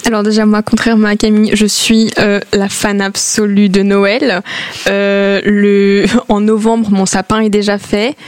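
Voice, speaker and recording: A woman co-host shares a book recommendation with open enthusiasm. Her pitch stays fairly flat, in the middle of the range. She talks casually, with occasional fillers. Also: measured pace. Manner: gushing, enthusiastic, fairly even-toned.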